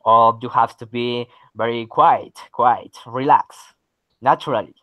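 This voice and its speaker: A man, patient and encouraging, sprinkling okay and very good everywhere. His voice sits at an ordinary pitch, and it is recorded dry and close with no room sound. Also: a little slow, dry recording, lo-fi sound. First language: Spanish. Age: 30s. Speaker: English teacher. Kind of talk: online English lesson.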